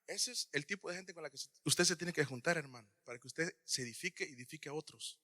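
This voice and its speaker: A man preaching a sermon to his congregation, often calling them brother and swinging between loud cries and hushed asides. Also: a little high, fast, long reverb tail. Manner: addresses listeners as "hermano", swings from loud to hushed.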